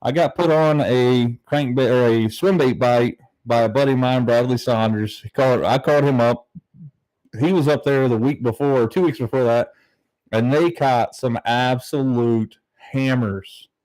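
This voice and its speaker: A man's voice: medium pitch, normal speed, darkish tone, no echo, low-quality recording. A man from southern Ohio hosting a casual fishing livestream, talking in a laid-back, rambling way from a small bare room at home. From southern Ohio, United States. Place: very small, bare-walled home room used as a studio, slightly echoey.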